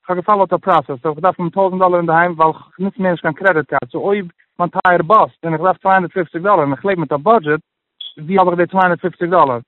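Male interview guest, higher-pitched, hesitant with lots of restarts and English mixed in, phone-line quality. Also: fairly even intonation, no echo. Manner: halting, many restarts, mixes in English phrases. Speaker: guest sharing his personal budgeting story. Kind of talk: casual interview chat.

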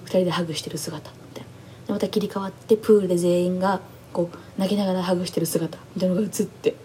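A young woman chatting excitedly as she recaps a reality show, animated and acting out what people said. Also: on the low side, fast talker, slight background noise. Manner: gushing, animated, acts out quotes. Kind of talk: excited casual recap chat.

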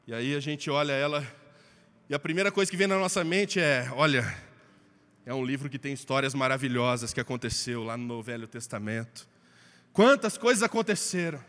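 A man with a Brazilian Portuguese accent preaching a sermon, impassioned, swinging from loud to hushed. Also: medium pitch, normal speed, long reverb tail.

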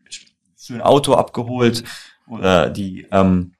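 Speaking at a measured pace, his lowish voice has a slightly mellow quality. He's a young German man, Iranian-born and Mannheim-raised, who co-founded and co-hosts the show, and here he recounts his own experiences conversationally, with emphasis and slang, talking right to his audience.

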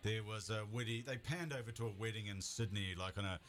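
A man from New Zealand co-hosting a casual sports chat, telling stories in a relaxed, plain way. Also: on the low side, a little fast. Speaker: podcast co-host.

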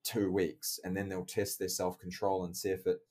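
Deep-voiced man explaining research. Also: completely flat delivery, a little mellow. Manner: measured, careful, hedging. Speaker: podcast guest, researcher and online coach. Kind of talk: explanatory interview talk.

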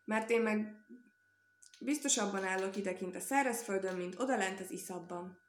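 A woman's voice: medium pitch, close to an everyday voice. A woman voicing a proud, strong male bear who speaks with self-assurance, recorded in an echoey room.

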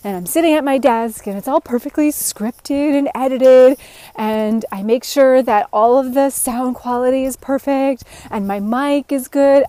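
A woman talking into her phone while walking a trail outdoors, reflecting earnestly and laughing softly now and then. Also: fairly high pitch, no echo. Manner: earnest, musing, with frequent soft laughs. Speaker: podcast host. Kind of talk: reflective walk-and-talk monologue. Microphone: phone held while walking.

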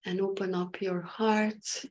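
A woman with a medium-pitched, fairly dark and level voice leads a guided meditation off the cuff. She speaks breathily in brief, hesitant phrases, sometimes almost whispering.

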